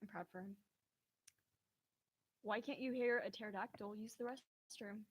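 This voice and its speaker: Husky woman telling dad jokes. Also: mid-range voice, normal speed. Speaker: joke contestant. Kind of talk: trading dad jokes in a contest.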